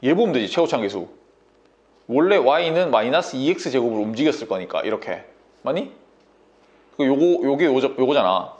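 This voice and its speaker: A man's voice: mid-range voice, expressive, moderate pace, long pauses, darkish tone, lo-fi sound. A man tutoring math at a whiteboard, talking bossy and casual and checking understanding constantly with a sore throat.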